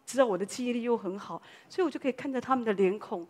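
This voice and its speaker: Fast-talking woman pastor. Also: a little high. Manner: lively storytelling with frequent exclamations. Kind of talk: sermon.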